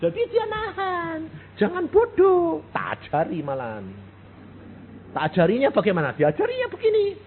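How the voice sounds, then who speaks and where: An older man preaching a sermon, emphatic, swinging between loud high bursts and low quiet asides, acting out little dialogues. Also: huge pitch swings, normal speed. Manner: emphatic, rises sharply and drops low, acts out dialogues. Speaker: evangelist preacher. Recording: tinny phone-like audio with faint hiss.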